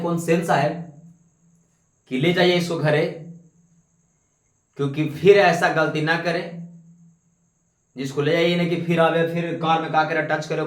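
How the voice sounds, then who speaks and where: A man with a Bihari Hindi accent, explaining a story for an exam-prep lesson and answering his own quick questions. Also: on the high side, a bit bright. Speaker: Hindi tutor. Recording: echoey room.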